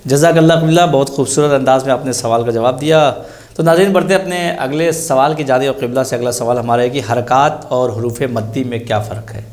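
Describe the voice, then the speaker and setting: A man's voice: mid-range voice, fairly even intonation, a little mellow. A man with an Indian Urdu accent hosting a religious quiz, formally thanking the scholar and introducing the next question. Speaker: quiz host. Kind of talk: quiz moderation.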